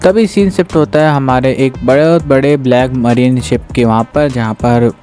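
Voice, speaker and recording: A man's voice: mid-range voice, normal speed, darkish tone, soft background music. A man casually retelling a manga chapter, talking to the listener like a friend. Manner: chatty, keeps addressing the listener as brother.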